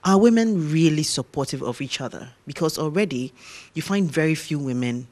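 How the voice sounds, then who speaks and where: A man hosting an interview, posing measured questions after short framing remarks. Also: a little high, lively intonation, a little mellow. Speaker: talk show host.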